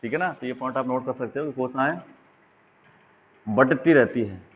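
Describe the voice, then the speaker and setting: A husky male voice of medium pitch and moderate pace leads a biology exam-prep session, drawing diagrams as he explains and checking in often. The sound is thin and tinny, as if heard through a phone.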